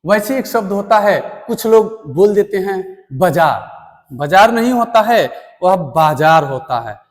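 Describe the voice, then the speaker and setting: A man teaching a spelling lesson at a board, speaking deliberately and repeating words for emphasis. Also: sits high, expressive, darkish tone. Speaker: Hindi teacher. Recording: long room reverb.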